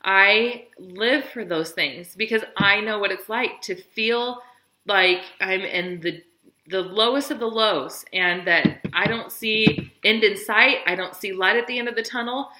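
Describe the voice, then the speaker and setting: A woman's voice: medium pitch, pushed and bright, echoey room, poor audio. A woman in her thirties telling her personal story in a vlog, earnest and encouraging, tired and near tears at times. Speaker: vlogger sharing her weight-loss business story.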